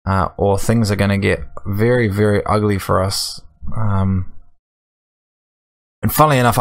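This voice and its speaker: Low-voiced New man, dry gamer. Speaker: gaming video host. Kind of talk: casual game commentary while playing. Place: small room at home, indoors.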